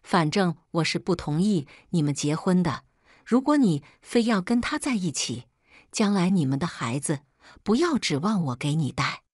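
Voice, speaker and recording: A woman's voice: on the low side, very animated, normal speed, a little mellow, no room sound, studio quality. A woman voicing a blunt older man who dismisses the marriage. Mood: dismissive.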